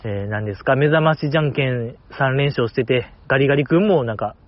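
A man's voice: medium pitch, fast, muffled recording. A man with a Kansai accent hosting a solo fan podcast, chatting enthusiastically and poking fun at himself. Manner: enthusiastic, chatty, self-mocking. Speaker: podcast host.

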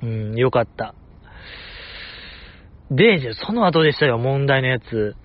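A man's voice: mid-range voice, lively intonation, moderate pace, no echo, highs cut off. A man with a Kansai accent hosting a podcast alone, chatting casually and repeating himself for emphasis. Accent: Kansai Japanese. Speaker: podcast host. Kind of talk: solo casual chat.

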